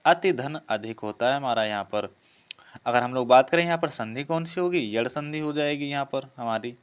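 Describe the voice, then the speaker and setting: A teacher with a smooth, fairly high male voice presents exam practice questions in an instructional lesson. He repeats each question before answering it.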